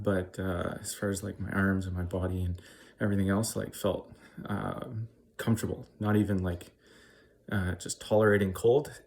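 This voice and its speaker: Male vlogger with a low voice, casual and hesitant, shivering just out of ice cold water. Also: a little mellow. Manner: hesitant, halting explanations. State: shivering and chilled after an ice cold bath. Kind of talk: casual vlog talk.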